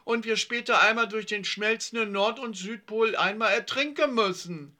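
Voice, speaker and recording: A man's voice: sits high, normal speed, pushed and bright, pitched above the performer's own voice. A man voicing a bossy, practical schoolgirl in a children's story reading. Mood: eager bossy.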